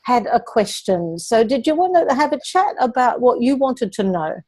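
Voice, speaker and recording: A woman hosting a live question-and-answer session as a speaking coach, explaining techniques in a calm, guiding way. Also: fairly high pitch, normal speed.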